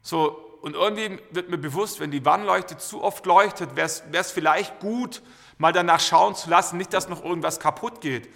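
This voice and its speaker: Bright-voiced preacher in a hall. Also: male voice, high-pitched, moderate pace, vocal fry. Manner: lively anecdotal storytelling with many fillers. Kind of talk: storytelling sermon. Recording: reverberant hall.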